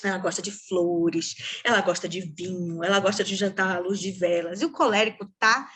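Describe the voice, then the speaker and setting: A woman's voice: fairly low pitch, fairly even intonation, moderate pace, a bit bright, breathy edge. A woman coach giving a casual, joking lecture, often checking in with her audience. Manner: joking, chatty, frequent "né, gente". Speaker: temperament coach.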